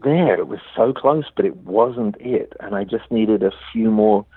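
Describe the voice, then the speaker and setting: Over a phone line, a male playwright talks thoughtfully as an interview guest, restarting many times. His voice is lowish, husky, and a little slow, with no echo.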